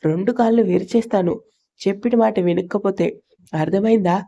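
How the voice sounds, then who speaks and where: A woman's voice: mid-range voice, moderate pace, dark tone, muffled recording, close to an everyday voice. A woman voicing a stern, commanding middle-aged mother-in-law in a storybook narration.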